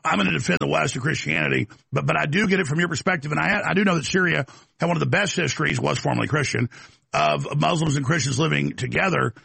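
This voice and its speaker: A man with a gravelly, rough voice questions his guest in a heated, pressing way. He stumbles and repeats words as he pushes his point. His tone is bright and cutting, and the sound is close and dry. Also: a little high, no echo. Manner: stammering restarts, heated and pressing. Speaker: talk show host.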